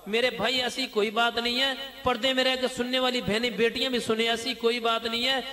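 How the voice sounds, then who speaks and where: A man's voice: very high voice, little pitch movement, a little fast, pushed and bright. A man preaching a sermon, exhorting listeners with chanting repetition. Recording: long hall reverb.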